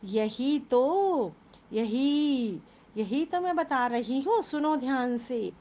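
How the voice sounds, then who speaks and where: A woman's voice: high-pitched, animated, takes it slowly, warm tone, slight background noise. A woman voicing a cunning female fox who talks in a sugary, coaxing way in a children's story. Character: sly sweet-talking fox, female, cunning.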